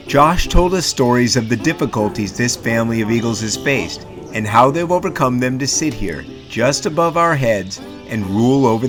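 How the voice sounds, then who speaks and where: A man reading scripted travel narration in the manner of a nature documentary. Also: medium pitch.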